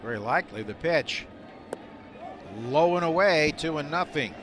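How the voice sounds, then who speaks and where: Broadcasting from the booth of an outdoor ballpark, a man gives live radio baseball play-by-play in terse, descriptive phrases. He sounds a little high and expressive at a moderate pace, over loud stadium noise.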